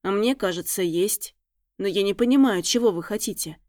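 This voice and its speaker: A woman voicing a blunt, teasing male tracker and bodyguard with a husky low voice in an audiobook. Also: normal speed, a little mellow, dry recording, studio quality, close to an everyday voice. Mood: insistent. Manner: teasing, frank, mocking.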